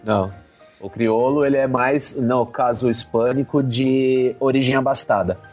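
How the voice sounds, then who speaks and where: A Brazilian man co-hosts a podcast, chatting casually about history in an explanatory, informative way. His voice is medium-pitched and darkish, with fairly even intonation and normal speed. Faint music plays behind, and the sound is slightly dull and lo-fi.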